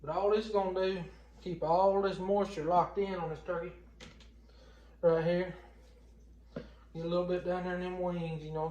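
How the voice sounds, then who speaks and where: Southern guy doing a folksy cooking vlog, kinda high voice, echoey room. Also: warm tone. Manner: folksy, plainspoken. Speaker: home cooking vlogger. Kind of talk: casual how-to chat to camera. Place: home kitchen, indoors. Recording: roomy indoor home recording.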